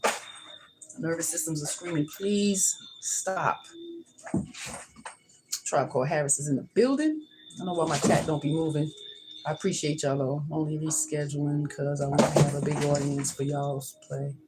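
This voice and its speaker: Woman livestream host, low register, chatty and emphatic, repeats herself for effect. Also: fairly even intonation, fairly quick, background noise. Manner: emphatic, repeats her points. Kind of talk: casual livestream monologue. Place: home kitchen.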